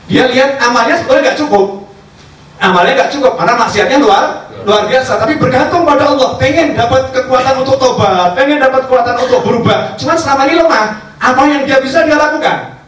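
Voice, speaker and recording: Animated male preacher, echoey and distant. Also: extremely high pitch, fast talker. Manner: animated storyteller acting out dialogue. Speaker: religious teacher. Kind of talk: sermon storytelling. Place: cafe gathering. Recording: echoey distant room recording, faint background noise.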